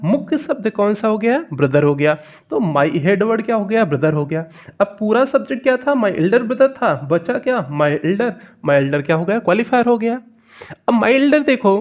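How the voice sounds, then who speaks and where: A man teaching an online grammar lesson, asking the class questions, answering them himself and repeating the key words. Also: high voice.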